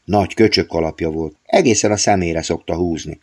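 A man narrating an audiobook of his own novel in a steady storytelling read. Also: deep voice.

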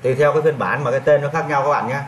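A man's voice: mid-range voice, racing, a little hiss or hum. Male teacher, classroom lesson, repeats steps aloud while clicking; voice at a distance in an echoey room. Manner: repetitive, talks while clicking through steps.

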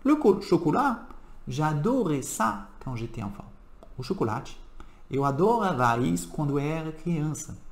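Lively man teaching in an echoey room. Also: fairly high pitch. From France. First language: French. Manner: animated, emphatic teacher's delivery. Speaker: French teacher. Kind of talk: language lesson.

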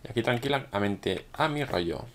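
A man from with a hoarse voice, chatting excitedly to viewers while commentating his own gameplay. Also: mid-range voice, moderate pace, a little hiss or hum. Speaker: gaming YouTuber.

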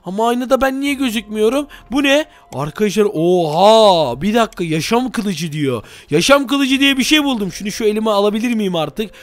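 A man's voice: high voice, lively intonation, brisk, few pauses, dry recording. A young man hosting a game video, narrating with dramatic, easily frightened reactions. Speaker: gaming video host. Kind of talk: excited game commentary.

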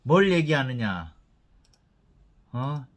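A man's voice: mid-range voice, sing-song, very slow. A middle-aged man giving blunt career advice to developers in a rambling, profane, scolding way. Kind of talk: blunt casual advice monologue.

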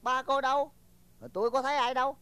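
An older man with a Southern Vietnamese accent playing a boastful, stubborn village father in a comedy film, exclaiming loudly. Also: extremely high pitch, fast talker, clean tone, no echo. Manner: blustery, exclaims loudly, lively swings. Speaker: film actor.

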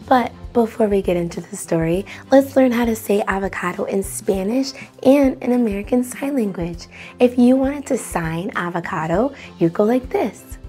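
Speaking at normal speed in a fairly high, slightly mellow voice, a young woman hosts children's story time with faint music underneath. She's a young adult, and her read-along is encouraging and full of exclamations aimed straight at the children.

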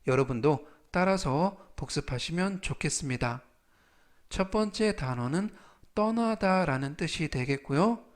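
Man teaching vocab, slightly high voice, very slow and patient, repeats every word. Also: expressive. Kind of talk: slow explanatory lesson.

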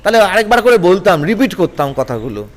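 Combative high-voiced man, reverberant sound. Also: sing-song, brisk. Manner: combative, rhetorical, lists grievances in bursts. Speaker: political guest. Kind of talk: heated political interview.

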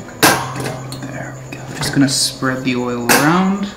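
A relaxed young man talks his way through a recipe in a large home kitchen, chatty and quick to laugh. His voice carries a roomy echo, with music playing clearly underneath. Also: medium pitch. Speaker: home cook host. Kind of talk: casual cooking demo.

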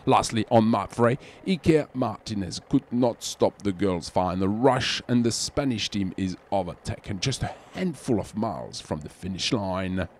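French-accented male presenter, measured dramatic news read. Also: on the low side, lively intonation, a little mellow, slight background noise. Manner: measured, dramatic voice-over delivery. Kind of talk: scripted sports news narration.

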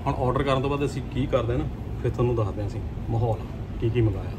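A man's voice: mid-range voice, rapid-fire. A man hosting a casual food vlog, joking and talking to his viewers from a car and then a restaurant, filmed on a phone. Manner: lively, joking, talks to viewers. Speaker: food vlogger host. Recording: noisy street and car sound.

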